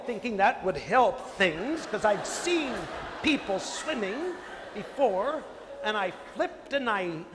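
A Canadian priest giving a sermon as a comic storyteller, swinging between loud bursts and hushed passages. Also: male voice, high-pitched. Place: large convention hall. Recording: long hall reverb, faint noise.

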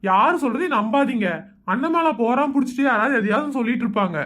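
A woman's voice: a little high, animated, quick pace, a bit bright. A woman voicing a chatty, easygoing young village man in a cartoon, full of jokey banter. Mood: placating. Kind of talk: cartoon voice acting.

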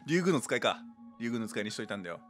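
A man chats his way through a relaxed live game stream, his voice rising and dipping a lot as he rambles to himself and his viewers. He laughs often along the way, and cheerful game music plays clearly behind him. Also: mid-range voice, very fast. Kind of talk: casual live-stream chat while playing. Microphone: desk microphone.

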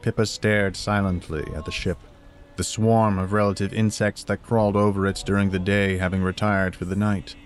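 A man narrating a fan fiction story in an even, measured reading. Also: sits low.

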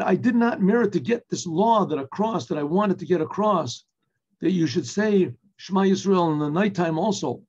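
A man's voice: high-pitched, mellow, husky. An older man, a rabbi, teaching a text in a Torah class, asking and answering his own questions and slipping in Yiddish and Hebrew phrases, recorded on a webcam in a room with bookshelves. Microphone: webcam video recording. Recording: dull lo-fi webcam audio.

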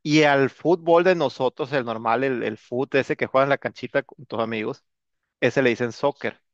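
A male English teacher with a Mexican Spanish accent, congested with a cold, giving a relaxed, chatty lesson with self-joking asides. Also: medium pitch, moderate pace, no echo, muffled recording. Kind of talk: casual classroom lesson.

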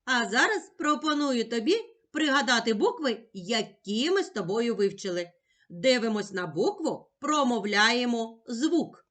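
A woman teacher giving a slow, carefully spoken lesson to a child, gently addressing the child and sounding out words and letters one by one. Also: fairly high pitch, lively intonation.

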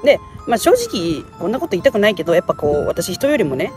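Lively-pitched woman vlogging outdoors. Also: quick pace, faint music behind. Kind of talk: casual rambling chat. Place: outdoors, street and grassy riverbank. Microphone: phone or camera at short distance.

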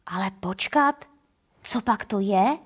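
A Czech woman reading a first-person children's story aloud with a gentle, playful manner. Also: medium pitch, expressive, breathy edge. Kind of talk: first-person fairy tale narration.

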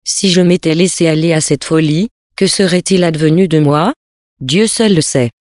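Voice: mid-range voice, moderate pace, no room sound, studio quality, lightly acted. A reader voicing a cold, self-satisfied young French officer who speaks curtly and dismissively, in a storybook reading. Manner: curt, dismissive.

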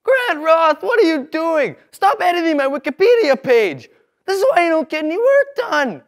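A young man doing a comic teacher impression of a high-strung maths teacher, shouting and scolding in a whiny way. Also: very animated, moderate pace, exaggerated voice. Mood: exasperated shouting. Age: young adult. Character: exasperated high-strung male maths teacher losing control of class. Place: school classroom.

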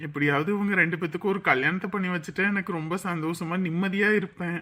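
A woman in a family drama, talking gently and reassuringly. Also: lowish voice, steady tone, quick pace, natural voice. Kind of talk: dubbed family serial drama.

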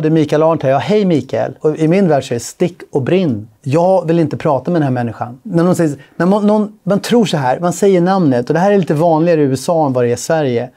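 A man talking casually as a sales coach, reacting bluntly to a clip. His voice sits a little high but sounds dark and mellow. He often slips into quick mock voices of salespeople and customers.

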